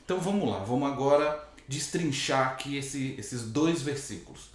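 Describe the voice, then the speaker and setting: A hoarse man gives a Bible teaching straight to the camera. He keeps restating each point and checks in with listeners as he goes. His voice sits at an ordinary middle pitch, and it rings around a very echoey room. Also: expressive, normal speed. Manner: explanatory, rephrases points and asks "né?".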